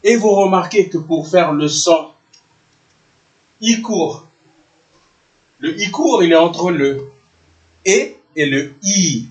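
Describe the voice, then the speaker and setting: A man's voice: sits high, lively intonation, takes it slowly, long pauses, dull audio. A man teaching a lesson, patiently repeating words and often checking with "ok?". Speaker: English teacher. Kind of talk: slow classroom-style lesson in French. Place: room with a whiteboard. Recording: echoey room.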